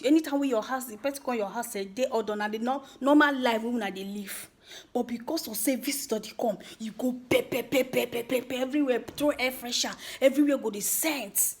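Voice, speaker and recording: Nigerian woman ranting in Pidgin, higher-pitched voice. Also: darkish tone. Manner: emphatic, repeats words for effect, teasing. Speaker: vlogger giving social commentary. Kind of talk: informal, animated rant to viewers.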